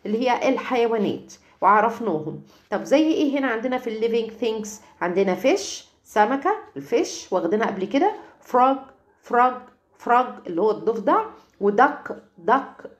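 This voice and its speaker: An Egyptian woman teaching English words to kindergarten children. She drills each word slowly and repeats it, and she keeps checking in with the class. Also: a little high, a little mellow, highs cut off. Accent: Egyptian Arabic. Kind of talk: recorded online lesson.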